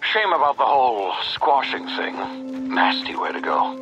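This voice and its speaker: An actor playing an eccentric, flustered scientist in a video game, muttering and halting theatrically over a radio-like link. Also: male voice, medium pitch, very animated, gravelly, muffled recording, over music. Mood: exasperated, offhand. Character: eccentric, flustered male scientist guiding a recruit. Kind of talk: video game character dialogue.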